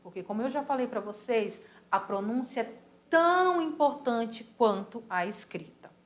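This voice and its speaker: A woman with a Brazilian Portuguese accent teaching a recorded Spanish lesson, patiently repeating words slowly to model pronunciation. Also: a little high, expressive, reverberant.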